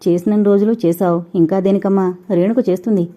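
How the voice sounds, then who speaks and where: A woman's voice: mid-range voice, fairly even intonation, fast, warm tone, close to an everyday voice. A woman voicing a young husband who is possessive and sulky, talking in a coaxing way, on a dull lo-fi recording. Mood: teasing.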